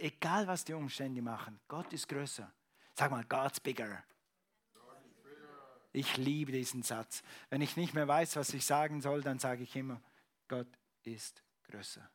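A middle-aged man preaching a sermon as pastor, emphatic, repeating phrases and swinging from loud to hushed. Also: medium pitch.

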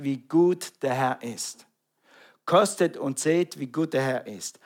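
A middle-aged Swiss man with a Swiss German accent delivers an animated sermon, calling out to his congregation. His voice sits on the high side.

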